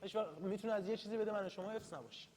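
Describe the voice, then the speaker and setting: A man with a high, somewhat dark voice gives a loose, talkative study-session lecture in a classroom, poking fun at himself and reading out English terms along the way. The room echoes, with faint noise behind him.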